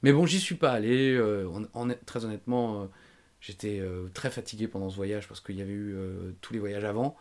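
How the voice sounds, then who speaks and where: A man's voice: lowish voice, a little fast, a little mellow. A man hosting a podcast, chatting casually and telling rambling, self-mocking travel anecdotes. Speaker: podcast host.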